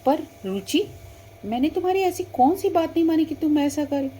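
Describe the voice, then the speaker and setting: A woman voicing a timid young girl in a doll story, speaking up in a higher voice. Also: lively intonation, moderate pace, dark tone, slight background noise. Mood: pleading. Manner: pleading, higher-pitched. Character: timid girl who pushes back.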